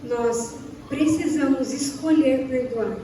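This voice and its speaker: A woman's voice: high-pitched, slow pace, noisy background. A young Brazilian woman preaching a sermon to a church, asking the listeners repeated questions and acting out little dialogues. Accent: Brazilian Portuguese. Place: church hall. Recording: echoey church hall, from far off.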